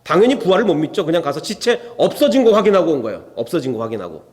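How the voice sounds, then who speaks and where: Speaking very fast with a darkish tone and a voice on the high side, a very animated male pastor gives an expository sermon. He questions the congregation rhetorically and acts out scripture dialogue in shifting voices, the church sanctuary adding long reverb.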